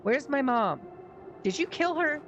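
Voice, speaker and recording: A woman's voice: high-pitched, lively intonation, unhurried, highs cut off, a little hiss or hum, voice pushed up. A woman voicing an earnest, grieving but determined young boy in a video game, sounding plaintive and sincere. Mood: accusing.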